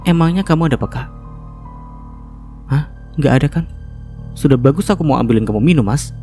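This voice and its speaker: A man's voice: mid-range voice, expressive, brisk, dark tone, faint music behind, natural voice. A man voicing a vengeful, scheming young wife who speaks in a mocking, sarcastic way. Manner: taunting, sarcastic.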